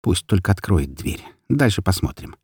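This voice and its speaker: Man, audiobook narrator, low voice, animated pitch, husky. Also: moderate pace, dry recording, clean studio sound.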